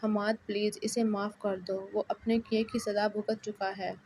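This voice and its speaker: A woman's voice: medium pitch, flat delivery, a little mellow, a little hiss or hum, natural voice. A woman reading as an earnest pleading young wife.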